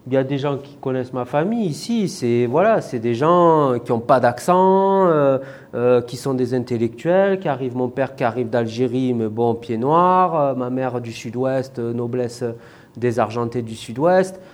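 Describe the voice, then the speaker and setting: A man's voice: mid-range voice, moderate pace. A man with a Marseille accent, an author talking loosely in an interview, with many fillers and restarts. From France. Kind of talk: casual interview talk.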